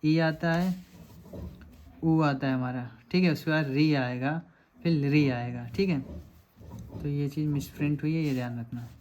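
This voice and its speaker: A man's voice: on the high side, measured pace, pauses often, a little mellow, a little hiss or hum. A man teaching a lecture, working through quiz questions step by step and often checking that students follow. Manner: explanatory, repeats checks like "samajh rahe hain aap".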